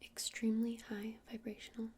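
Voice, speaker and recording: In an ASMR roleplay, a woman voices a kindly witch who runs a shop, whispering softly and breathily as she explains things in a hesitant, casual way. Her pitch sits a bit high and stays flat, and she talks slightly quickly, sounding gentle and eager to help.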